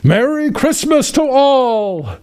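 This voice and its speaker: As a good-natured old Santa Claus, a man uses a very high, exaggerated voice to read a children's Christmas poem. The storytelling is warm, expressive, and unhurried.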